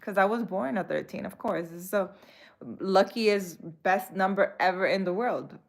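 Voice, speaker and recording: With a creaky, mid-range voice at normal speed, a woman from the Dominican Republic hosts a relaxed live stream as a spiritual healer. She laughs often and throws in Spanish words while chatting with viewers.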